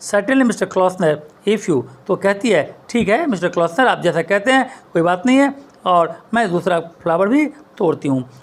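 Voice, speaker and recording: A man teaching a lesson, reading English lines of a story slowly and then explaining them in Hindi. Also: high-pitched. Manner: lively, expressive storytelling.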